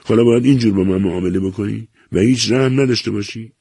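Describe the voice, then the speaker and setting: A man's voice: on the low side, sing-song, creaky, mellow, breathy edge, no room sound, clean studio sound, pitched above the performer's own voice, heavily acted. A man voicing a desperate middle-aged man who pleads in a strained, raised voice, for an audiobook. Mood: pleading.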